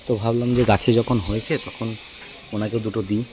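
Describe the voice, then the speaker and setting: A man's voice: fairly low pitch, flat delivery, a little fast, mellow, a little hiss or hum. A man, chatting to camera and family in a casual outdoor village vlog. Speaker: family vlogger.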